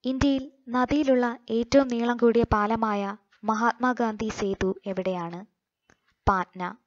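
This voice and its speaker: A Malayali woman reads quiz questions and answers aloud for exam coaching, taking her time over each one. Her voice sits slightly high and the delivery stays measured. The recording is dry and a bit muffled, with no room around her. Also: dry recording.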